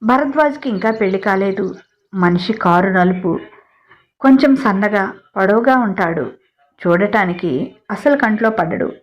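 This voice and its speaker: A woman narrating a storybook tale in a steady reading voice, with chatty personal asides to listeners. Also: mid-range voice, unhurried, long pauses, highs cut off.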